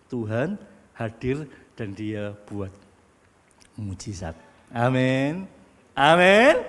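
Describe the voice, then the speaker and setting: A middle-aged man preaching a sermon as a pastor, telling stories and building to loud exclamations. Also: medium pitch. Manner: storytelling, animated, climbing to loud exclamations. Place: church hall. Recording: long hall reverb.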